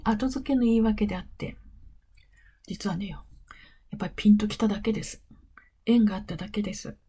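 Breathy, soft-spoken woman podcast host. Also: medium pitch. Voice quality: very breathy, often drops to a whisper. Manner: soft, slow and coaxing, stretches key words. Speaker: English-pronunciation podcast host. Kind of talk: gentle advice monologue.

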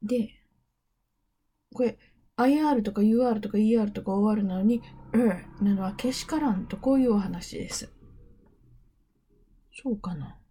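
A middle-aged woman, an English interpreting teacher, giving an unhurried explanatory lecture and at times dropping into a whisper. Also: medium pitch, mellow, breathy edge.

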